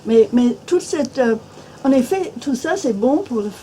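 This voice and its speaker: An older woman from Minnesota speaking French, a native English speaker who talks haltingly with many restarts and fillers, as a guest on a bookshop panel. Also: sits high, lively intonation, dark tone, a little hiss or hum, poor audio. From Minnesota, USA. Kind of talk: panel discussion. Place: bookshop event room.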